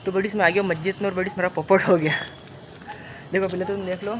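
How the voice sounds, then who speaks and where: A young man vlogging casually to his phone camera, chatty, sometimes dropping to a hushed voice. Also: high voice, level tone, fast, over music, rough recording. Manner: chatty, repeats a filler word, drops to a hushed voice near the mosque. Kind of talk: casual vlog chat to camera. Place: outdoors and at home, walking around.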